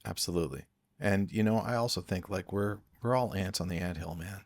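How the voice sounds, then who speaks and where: A man's voice: low voice, brisk, no room sound. A man from Canada, a music producer guest on a podcast, talking earnestly and reflectively and often repeating words as he thinks. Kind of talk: casual podcast conversation.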